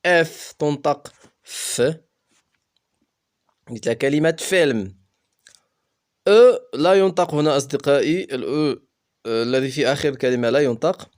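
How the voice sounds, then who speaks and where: A man teaching French pronunciation, spelling words out slowly letter by letter. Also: a little high. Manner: slow, deliberate letter-by-letter spelling. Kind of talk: pronunciation lesson.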